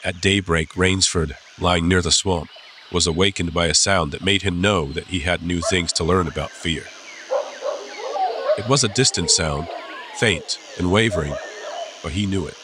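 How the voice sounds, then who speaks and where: A deep-voiced man narrates a scripted, dramatic audiobook with suspense and deliberate phrasing. Background ambience is clearly audible in the recording.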